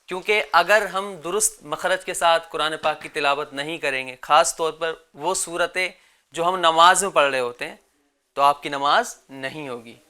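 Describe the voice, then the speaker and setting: Bright, clear-voiced male Quran teacher. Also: on the high side. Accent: Pakistani Urdu. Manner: slow drawn-out recitation, then quick explaining, calls on children to repeat. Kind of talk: children's Quran lesson.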